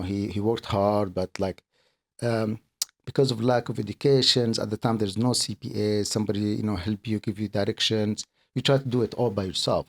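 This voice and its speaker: A middle-aged man from Kuwait talks as an interview guest, earnest and a little halting, often circling back over his words. His voice sits on the low side. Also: creaky. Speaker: podcast guest, accountant and business owner. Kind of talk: casual interview talk.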